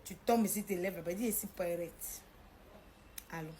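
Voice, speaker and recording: A woman's voice: lowish voice, moderate pace, slight background noise. A woman telling her own story, acting out what people said in a shifting voice. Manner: animated, acts out the dialogue in a shifting voice. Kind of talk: personal storytelling.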